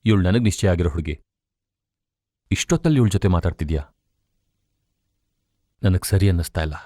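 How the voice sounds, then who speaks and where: An actor dubbing a jealous, menacing fiancé in a film, talking in a stern, threatening way. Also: male voice, sits low, animated, a little fast, dark tone, dry recording, clean studio sound.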